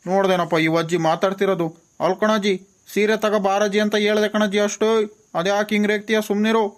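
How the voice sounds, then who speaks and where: A pushy travelling sari seller, played by a man, coaxes his customers with a steady stream of sales patter. His voice sits a little high, and he speaks. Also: fairly quick, lightly acted. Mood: coaxing.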